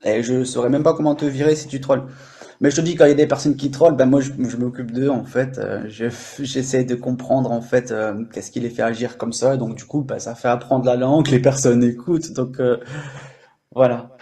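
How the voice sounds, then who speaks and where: Chatty French-speaking man, mellow voice. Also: mid-range voice, steady tone, fairly quick. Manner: chatty, explains with many fillers and restarts. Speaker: live stream host teaching languages. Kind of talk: casual live stream talk.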